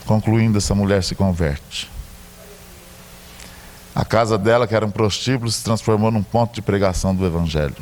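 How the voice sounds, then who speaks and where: Low-voiced Brazilian pastor telling a story. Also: male voice, moderate pace, pauses often, a little mellow, slight background noise. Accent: Brazilian Portuguese. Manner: storytelling with joking asides. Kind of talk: sermon.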